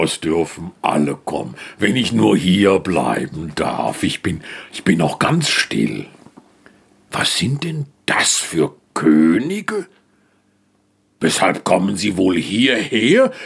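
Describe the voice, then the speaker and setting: Guy playing a gruff stammery ox, gravelly low voice, swings up and down a lot. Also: heavily acted. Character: grumpy, crowded male ox who softens.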